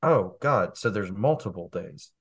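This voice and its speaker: Male game player, lower register, conversational, halting and methodical delivery. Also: animated, breathy edge. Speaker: game contestant. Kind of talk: casual chat.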